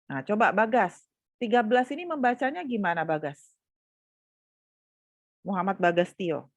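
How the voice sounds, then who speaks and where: A woman's voice: medium pitch, expressive, normal speed, no echo, lo-fi sound. A woman university lecturer teaching statistics over a video call, calling on students by name and patiently prompting them to answer.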